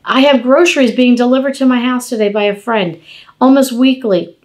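A woman in her fifties giving an informal devotional talk at home, animated and conversational, speaking to the camera from across a table. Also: on the high side, a little fast. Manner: animated, gesturing, conversational preaching. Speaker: devotional podcast host. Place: home dining room, indoors.

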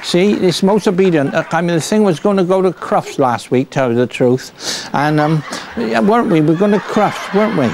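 A man's voice: high-pitched, expressive, a little fast, few pauses, background noise. A man with a Somerset accent playing a cheerful, bumbling rustic farmer in a stage comedy act, rambling folksily and tagging his lines with "see" and "look". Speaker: comic performer. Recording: piano music playing behind.

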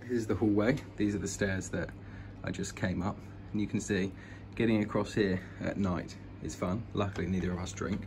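A British man leads an old-house tour for his vlog, chatting informally and with enthusiasm as he goes from room to room. His low, darkish voice keeps a fairly even intonation at a normal pace with hardly any pauses. Noise fills the indoor handheld recording.

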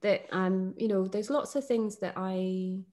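A woman's voice: mid-range voice, unhurried. Enthusiastic Northern English woman host. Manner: thoughtful, enthusiastic, with fillers and soft laughs. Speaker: podcast host. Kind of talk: casual conversation about poetry.

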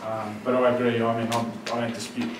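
Standing before the panel in a big lecture hall, a man in his thirties, born in Syria, gives a conference panel answer into a handheld mic. His voice sits mid-range and moves fast at a level tone, casual and filler-heavy at first, then increasingly forceful. A far-off camera picks up echo and room noise.

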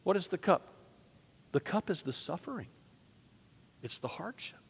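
A man preaching a folksy, humorous sermon as a guest preacher, swinging from quiet asides to loud bursts. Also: high voice, big pitch swings, moderate pace, vocal fry, breathy edge. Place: large church sanctuary. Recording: reverberant church hall.

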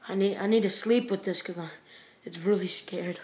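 A woman's voice: mid-range voice, normal speed, slight background noise. A woman recording a late-night video diary, talking in frightened whispers and stammering often. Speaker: vlogger.

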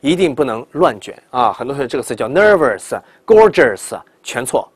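A middle-aged man teaching pronunciation in a classroom lecture, asking rhetorical questions and repeating words slowly to demonstrate them. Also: medium pitch, breathy edge, no room sound.

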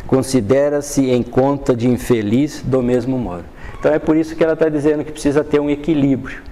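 An older man with a Brazilian Portuguese accent leads a study class. He reads from a book and explains it in a calm, unhurried way, often adding "né". His voice is mellow and dark, and his pitch is middling for a man. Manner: reads passages then explains them in a calm, unhurried way, with frequent "né". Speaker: study group teacher. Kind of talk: reading aloud and explaining a spiritist book. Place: dim classroom with a projector screen.

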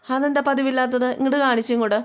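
A woman's voice: sits high, steady tone, very fast, pitched above the performer's own voice, close to an everyday voice. A woman voicing a teasing older sister-in-law who nudges and pushes. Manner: teasing, nudging.

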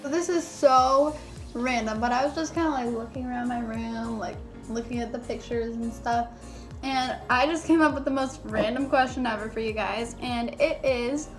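In a small bedroom indoors, a young adult YouTuber talks to her viewers at a normal speed in a voice on the high side. Her casual vlog chatter is full of the filler "like," captured on a phone at arm's length with background music.

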